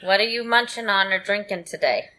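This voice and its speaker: A woman's voice: medium pitch, fairly quick, pushed and bright. A woman co-hosting a casual podcast chat, sleepy and yawning, with playful teasing banter. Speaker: podcast co-host.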